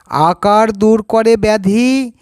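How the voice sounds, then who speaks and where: A man's voice: high voice, slow pace, darkish tone, smooth, no room sound. A man preaching a devotional sermon, reciting Sanskrit verses and then explaining them.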